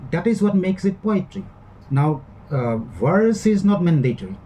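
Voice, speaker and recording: A man's voice: high voice, sing-song, unhurried, mellow, slight background noise, poor audio. A man with an Indian English accent giving a recorded online lecture, explaining step by step and often repeating and rephrasing his points with fillers.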